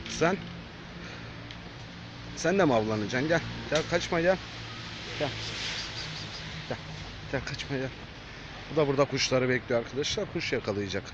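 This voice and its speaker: Lively coaxing man on a street. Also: medium pitch, moderate pace, pauses often. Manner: coaxing, repeats short calls to animals. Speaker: vlogger. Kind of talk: casual vlog talking to street cats. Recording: dull lo-fi audio with clear street noise.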